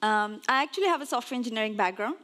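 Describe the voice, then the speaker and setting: A woman's voice: on the high side, lively intonation, very fast, a bit bright. A woman in her forties, originally from Pakistan, giving a conference talk on stage in a chatty, lightly self-mocking way. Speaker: conference speaker. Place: on stage before an audience.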